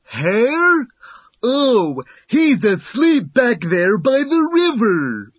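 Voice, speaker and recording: A wise old tortoise who speaks slowly and calmly, raised in pitch with a lively lilt, as a man narrating a storybook puts him on. The voice is a touch husky, and the recording is dry and slightly dull. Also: no echo, full character voice. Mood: gentle. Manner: slow, calm and deliberate. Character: slow, patient, wise male tortoise.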